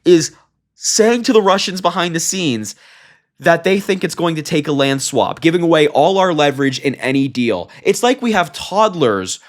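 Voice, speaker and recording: Hosting a political commentary show, a man with a slightly high, expressive voice reads a transcript of reports aloud at a moderate pace. He adds opinionated commentary, reacting with emphatic, indignant disbelief.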